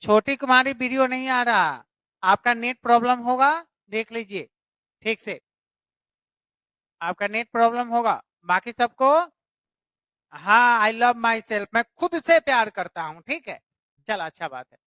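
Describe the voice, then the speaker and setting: Brief: woman, online tutor, fairly high voice, dry close sound, keeps repeating and quizzing. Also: a little slow, pauses often, a bit bright, no room sound. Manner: repetitive, explanatory, questions students directly. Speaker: English teacher. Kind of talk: live online grammar class.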